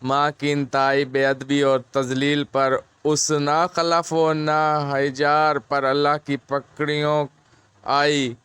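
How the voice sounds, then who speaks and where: A man, narrating a moral story in a measured, earnest way. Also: fairly high pitch, flat delivery, fairly bright tone, smooth, no room sound.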